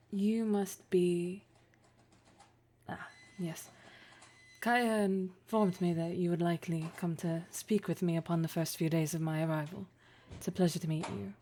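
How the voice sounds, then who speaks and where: This domineering boss character, acted by a woman, has a low, dark, mellow voice with a heavy creak. Poised and welcoming, she takes her time over each formal phrase, pausing deliberately. A condescending, flirtatious teasing colors how she speaks to the listener.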